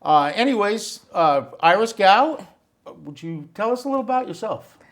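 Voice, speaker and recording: A man hosting a casual interview show. His voice is a touch high for a man. He talks in a loose, chatty way, telling stories and asking friendly questions with fillers. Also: sing-song, moderate pace. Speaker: talk show host.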